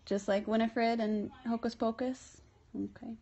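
A woman's voice: medium pitch, a little fast. A woman chatting casually in short questions, patiently humoring someone and echoing back what she hears. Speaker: caregiver filming and questioning the patient. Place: small bedroom, indoors. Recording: muffled phone video with noticeable noise.

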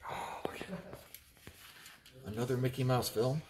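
A man's voice: mid-range voice, takes it slowly. A man in his thirties with a mid-range voice chats his way through an unboxing, reading labels aloud and joking with the people around him. He sounds casual and talkative, with a faint noise behind him. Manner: chatty, reads labels aloud, teases crew. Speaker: auctioneer. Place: indoor storage area with block walls.

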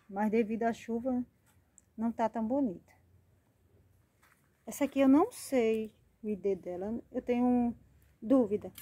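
A woman's voice: fairly high pitch, dark tone, no echo. A woman hosting a casual gardening vlog, chatting affectionately as she names and shows each of her plants. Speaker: plant channel host.

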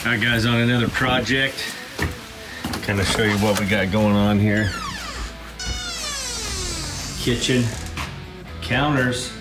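Slow and pausing often, a man with a lowish, fairly even voice gives a warehouse tour in his casual walk-and-talk vlog. He chats with coworkers in an upbeat, chatty way through the large indoor warehouse, with background music and echoey room sound.

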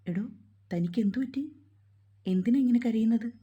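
A woman's voice: fairly high pitch, moderate pace, dark tone, dull audio, lightly acted. A woman voicing a stern young male police officer who speaks in curt, brusque orders. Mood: urgent.

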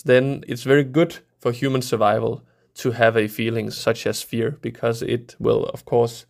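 A man's voice: medium pitch, vocal fry. A middle-aged man from Denmark, a researcher, explaining science to kids in a thoughtful way, with many fillers and restarts. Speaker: researcher guest.

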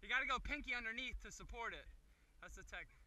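A man's voice: extremely high pitch, fast talker. A man chatting and calling out plays during a casual outdoor football game, out of breath. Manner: shouts calls across the field. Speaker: pickup football player. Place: outdoor field.

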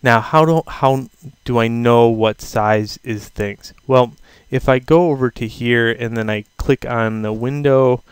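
A man teaching a software tutorial over a screen recording, talking casually and thinking aloud with fillers. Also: mid-range voice, clear, resonant tone, no echo. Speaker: instructor.

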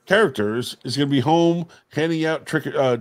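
A man's voice: on the high side, moderate pace. A man co-hosting a video call interview, rambling and playful. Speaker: co-host.

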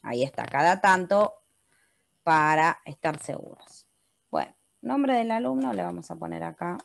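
A woman's voice: lowish voice, animated, normal speed, creaky. An Argentine woman teaching a webinar computer class, walking her students through a spreadsheet step by step and often checking in with a patient "¿sí?". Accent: Argentine Spanish. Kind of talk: step-by-step software tutorial. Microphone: computer mic in a webinar.

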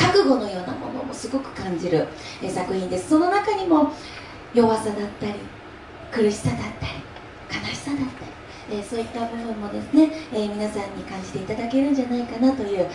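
A woman's voice: on the high side, expressive, a little fast, a little mellow, a little hiss or hum. A woman from Osaka, an enka singer chatting with her audience between songs, laughing often and using many fillers. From Osaka, Japan. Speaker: enka singer at a mini live event. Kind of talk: stage talk between songs. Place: music shop event space with audience. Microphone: handheld mic. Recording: echoey room, voice from a distance.

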